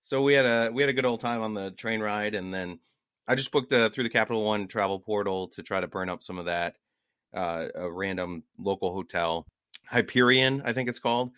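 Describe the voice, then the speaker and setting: Low-voiced man telling rambling travel stories. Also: fairly quick, a bit bright, clean tone, no echo, studio quality. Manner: rambling storyteller, laughs at own stories. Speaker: podcast co-host. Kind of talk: casual travel chat.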